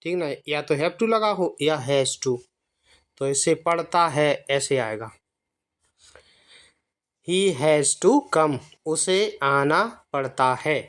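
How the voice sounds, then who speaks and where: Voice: medium pitch, expressive, slow pace, a bit bright. A teacher from India giving a beginner language lesson, spelling each word letter by letter, repeating it and explaining it patiently. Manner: patient, explanatory classroom delivery. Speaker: English teacher.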